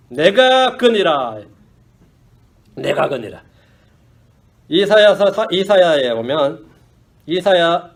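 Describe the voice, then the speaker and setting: Male pastor preaching, voice sits kinda high and jumps all over, keeps firing questions at the church. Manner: animated preaching, asks the congregation questions, mixes in English phrases. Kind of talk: sermon.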